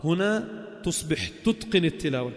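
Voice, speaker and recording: A man with a Levantine Arabic accent teaching Quran recitation, asking questions and chanting sounds slowly to show them. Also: on the high side, lively intonation, in a large hall. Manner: slow, drawn-out chanted demonstrations of sounds and words; asks the class questions and answers them himself. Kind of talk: spoken lesson on tajweed.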